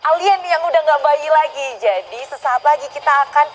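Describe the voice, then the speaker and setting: A woman's voice: high-pitched, expressive, a little fast, a little hiss or hum. A woman with an Indonesian accent hosting a live event in a playful style. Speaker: event host.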